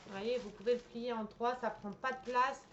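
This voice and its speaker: In a slightly muffled home recording with faint noise behind her, a vlogger reviewing something she bought unboxes it and shows the screen. Her voice is on the high side and steady, and she sounds enthusiastic and chatty, frequently pausing to search for words.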